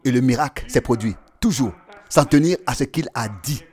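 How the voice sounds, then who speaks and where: A man delivers a sermon in a mid-pitched voice. His delivery is emphatic, lifting into a sing-song preaching cadence on key phrases. He then drops to quieter, hushed remarks. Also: normal speed.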